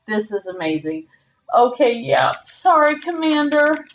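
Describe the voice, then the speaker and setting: A woman commentating her own live game stream in a bubbly, excitable way, squealing when she wins. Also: sits high, a little slow.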